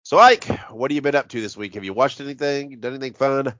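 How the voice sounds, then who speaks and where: A man with a stuffy, congested voice that sounds like he is inside a box, chatting casually and haltingly as a podcast host while sick. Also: mid-range voice, fairly bright tone, dry recording, dull audio. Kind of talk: casual horror movie review podcast chat.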